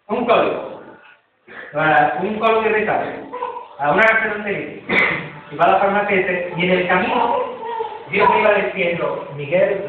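A man from preaches in a church, repeating himself emphatically and leaping up in pitch. His voice sits high for a man. The recording is tinny and noisy and comes from far off in a very echoey hall. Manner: emphatic, repetitive, sudden jumps in pitch. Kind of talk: sermon.

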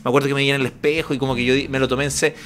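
A man in his thirties with a Chilean accent, chatting casually as co-host of a web show, rambling and animated. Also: medium pitch, rapid-fire. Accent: Chilean Spanish. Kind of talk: casual chat.

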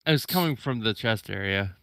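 A man's voice: fairly low pitch, expressive, fairly quick, a bit bright, a little hiss or hum. A man running a tabletop game as game master, narrating casually with fillers.

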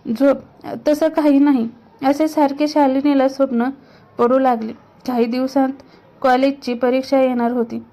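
A woman storyteller narrating a ghost story in a steady, suspenseful way. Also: on the high side. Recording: dull lo-fi recording.

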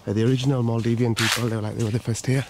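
Racing through his words in a flat, medium-pitched voice, a Sri Lankan vlogger offers casual, repetitive commentary while walking outdoor resort garden paths. He talks from behind a handheld camera, whose mic also picks up clear background noise.

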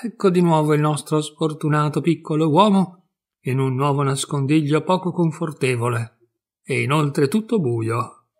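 A man reading a fairy tale aloud with expressive storytelling. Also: on the high side, moderate pace.

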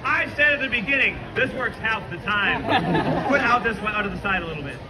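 High-pitched male street performer amid loud crowd. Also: animated, fairly quick. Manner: joking, sardonic asides. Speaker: street show performer and host. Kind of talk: live comedy trick show patter to an audience. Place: outdoor fair show ground, filmed from the crowd. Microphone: camera in the audience, at a distance. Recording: outdoor crowd noise, recorded from the audience.

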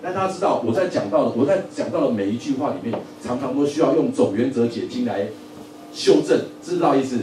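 A man teaching a Bible lesson in a church Sunday school, lively, often asking the audience questions and joking. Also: medium pitch, fast talker, background noise. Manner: lively, asks the audience questions, repeats words, jokes. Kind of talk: sermon-style Bible lesson. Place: church hall. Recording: echoey room from a distance, faint ambience.

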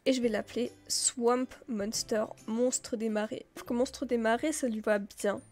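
A woman with a fairly high voice chats through her gameplay session in a loose, rambling way, padding her talk with fillers. Soft game music plays quietly underneath her. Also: fairly even intonation, a little slow. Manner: chatty and rambling, full of filler words. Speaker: gameplay video creator. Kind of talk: casual gameplay commentary.

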